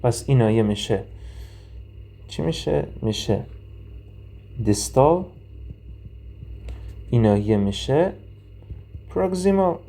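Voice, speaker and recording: Mellow-voiced man teaching anatomy. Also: on the low side, animated, gravelly, long pauses. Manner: explains step by step, asking and answering his own questions; thinks aloud with frequent hesitation sounds. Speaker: anatomy instructor. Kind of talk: recorded lecture with drawing and reading.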